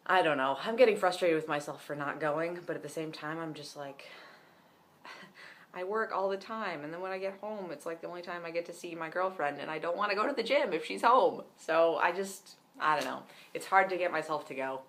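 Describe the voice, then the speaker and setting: A young vlogger delivers a brisk but rambling home video diary update, his fairly bright, high-leaning voice cracking here and there. "Um" and "like" run all through his casual talk.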